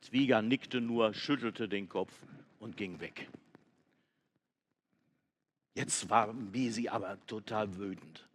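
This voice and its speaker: A man narrating a children's animal story in a slow, lively storytelling manner. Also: lowish voice, a little hiss or hum.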